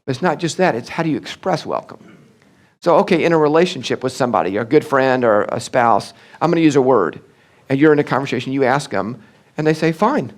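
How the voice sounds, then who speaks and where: A middle-aged man, a senior pastor giving an animated, conversational church talk that often slips into acted-out quoted voices. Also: mid-range voice, a little fast. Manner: animated, acts out quoted voices, many restarts and fillers.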